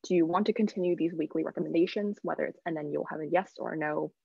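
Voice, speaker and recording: A woman's voice: low voice, fast, gravelly, a little mellow, husky, no room sound. A woman in her twenties presenting a workshop casually and chattily over a video call, with muffled audio. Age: 20s. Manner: informal, chatty.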